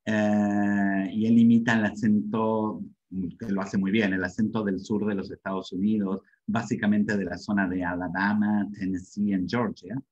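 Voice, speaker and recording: A man's voice: on the low side, little pitch movement, moderate pace, darkish tone, dull audio. A man giving a webinar lecture on learning English, repeating himself and checking in with the audience often.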